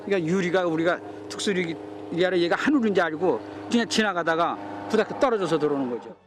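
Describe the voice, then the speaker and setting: A man's voice: sits high, lively intonation, fast talker. A man casually explaining something as a bird rescue worker, in unscripted speech. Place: outdoors at a bird release. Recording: clear outdoor ambient noise.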